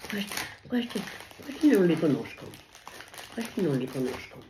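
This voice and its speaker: A woman's voice: on the low side, big pitch swings, moderate pace. An older woman, a grandmother, talking in a casual home video; she is effusive, repeats her thanks over and over and breaks into sing-song exclamations. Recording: echoey room with faint noise.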